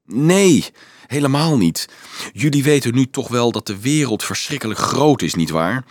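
A man's voice: mid-range voice, lively intonation, normal speed, no echo, clean studio sound, pitched above the performer's own voice, close to an everyday voice. A man reading an earnest teenage boy who hesitantly, then urgently explains things to a crowd of children, in an audiobook.

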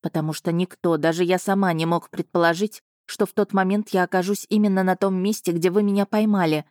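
Sharp-tongued young noble bride played by a woman, low-set voice, dry read. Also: steady tone, brisk, dry recording, close to an everyday voice. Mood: defiant. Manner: terse, defiant retorts.

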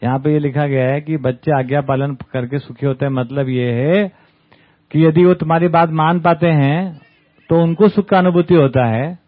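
A camp speaker with a somewhat high voice talks at a normal speed to a study group in a camp hall with an audience. His manner is conversational, and he keeps checking in with small tag questions. The sound is tinny, like a phone.

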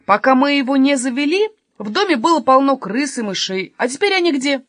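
A woman voicing a loud, bossy male robber who shouts when angry, in a read-aloud storybook. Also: high voice, animated, fairly quick, dry recording, clean studio sound, pitched above the performer's own voice. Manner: exclaiming, shouting.

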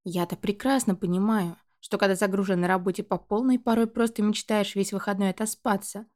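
A woman's voice: medium pitch, fairly even intonation, fairly quick, darkish tone, lightly acted. A woman reading the lines of a blunt, joking middle-aged father in an audiobook. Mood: grumbling.

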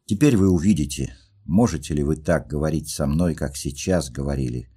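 A lovesick young dreamer, earnest and agitated, played by the reader himself. His voice is deep, dark and husky, with fervent, pleading outbursts. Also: moderate pace.

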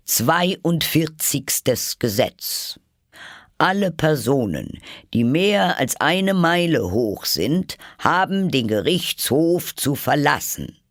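A man's voice: on the high side, sing-song, slow pace, fairly bright tone, no echo, clean studio sound, voice pushed up, full character voice. A man voicing a fussy, pompous storybook king who blusters and then mutters hastily. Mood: proclaiming. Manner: blustering, drops to a hasty mutter.

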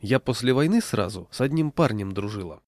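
A man's voice: fairly low pitch, animated, brisk, a little mellow, no room sound, studio quality, natural voice. A man voicing an anxious, chatty wife who keeps giving worried warnings. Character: anxious wife, middle-aged woman, fussing.

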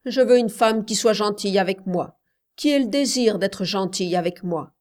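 A woman voicing a stubborn coal miner who speaks slowly, harshly and heavily. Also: medium pitch, darkish tone, natural voice. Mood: bitter. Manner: slow, harsh, heavy.

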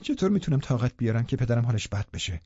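Male reader doing a frightened young woman, pleading and tearful, mellow tone, dry slightly dull audio. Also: medium pitch, big pitch swings, breathy edge, no room sound. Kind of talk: audiobook character reading.

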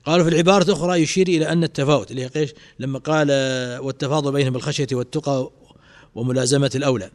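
A man's voice: on the high side, fairly even intonation, very fast. A man, teaching a classical creed text and quizzing his students with rhetorical questions.

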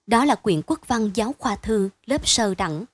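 Female storyteller for a bedtime story: calm, measured, fairly high, dry close recording. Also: dry recording.

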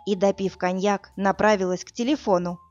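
A woman narrating a first-person audiobook in a steady, plain storytelling manner, in a slightly muffled recording. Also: mid-range voice, fairly quick, faint music behind.

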